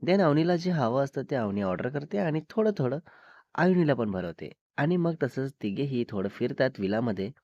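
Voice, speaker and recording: A man's voice: medium pitch, big pitch swings, moderate pace, darkish tone, dry recording, muffled recording. A man with a Marathi accent narrating a serialized romantic family story in a conversational way, dropping in English words.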